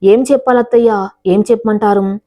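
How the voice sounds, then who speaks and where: A woman's voice: medium pitch, steady tone, a little fast, muffled recording, lightly acted. A woman voicing a young newlywed wife who is troubled about her husband, speaking in a told story. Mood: upset. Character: young distressed new wife.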